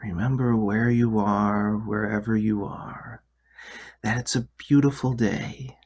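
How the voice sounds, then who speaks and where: A man leading a guided relaxation in a soft, soothing, hushed delivery that at times nears a whisper. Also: fairly low pitch, fairly even intonation, takes it slowly, breathy edge. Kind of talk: guided meditation.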